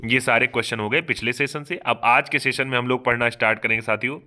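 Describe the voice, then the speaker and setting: A man giving a fast online exam revision lecture, asking questions aloud and answering them himself, often checking in with his students. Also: medium pitch, fairly even intonation, sharp tone. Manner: quizzes himself aloud, keeps asking "ठीक बात है ना". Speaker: exam coaching teacher.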